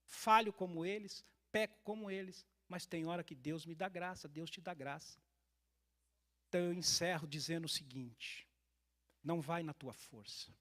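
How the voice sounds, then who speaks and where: High-voiced Brazilian pastor preaching. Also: male voice. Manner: animated storytelling, addressing the congregation directly. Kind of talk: sermon. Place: church hall.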